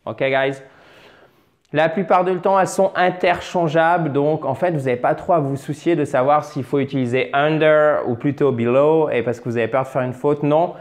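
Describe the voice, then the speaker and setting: A man's voice: on the high side, normal speed. A man teaching English pronunciation in French, patiently repeating and drilling words, with chatty asides and self-corrections. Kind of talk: French-language English lesson at a board.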